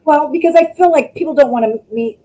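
A woman, a former wrestler, chatting as a guest over a video call, telling stories in an animated way and acting out what people said. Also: sits high, fairly quick, poor audio. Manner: animated storytelling, acts out quotes. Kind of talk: casual interview chat.

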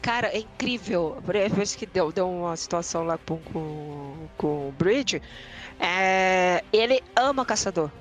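A woman's voice: on the low side, measured pace, soft background music. A woman, a podcast guest chatting casually and acting out quotes in her stories. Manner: animated storyteller, acts out quotes loudly.

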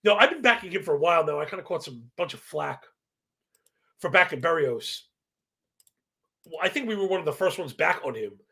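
A man with a high voice and a heavy creak runs through baseball betting analysis. He talks like a slangy professor, stacking statistics in a casual way and tagging points with a quick "right?". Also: expressive, bright, forceful tone. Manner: slangy, asks "right?" as a constant tag; self-described professorial, rattles off statistics. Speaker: sports betting analyst, live stream host.

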